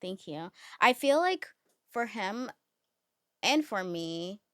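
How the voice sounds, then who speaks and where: A woman co-hosts a laid-back podcast conversation at a middle pitch. She tells stories animatedly, filling them with "like" and "um", and she acts out the lines she quotes. Her voice is recorded dry, with little room sound. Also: very animated, takes it slowly, no echo. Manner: filler-heavy, laughs often. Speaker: podcast co-host. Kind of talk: casual podcast chat.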